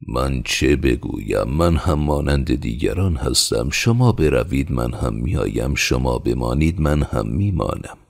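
A man voicing a slow-spoken, calm and wary male peasant who answers his overseer dryly. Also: rumbling low, creaky, husky, exaggerated voice. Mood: guarded. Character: calm, stubborn male peasant, guarded and dry.

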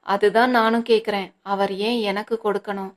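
Reading from a storybook, a woman voices an angry, stubborn young wife, speaking sharply and with indignation. Her mid-range voice has fairly even intonation and a normal pace, close to how she'd sound every day.

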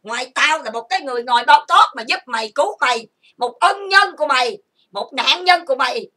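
A woman in a furious livestream rant, her high voice piercing and sharp. She swears and accuses nonstop, and she sounds set back from the microphone. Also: lively intonation, fairly quick, distant mic. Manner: profane, accusing, insulting. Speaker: online streamer. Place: lying down at home.

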